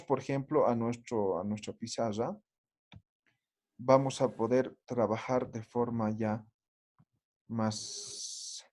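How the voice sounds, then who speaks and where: A man with a mid-range, slightly mellow voice teaches a language class. He is patient with his explanations and often checks whether students follow by asking tag questions.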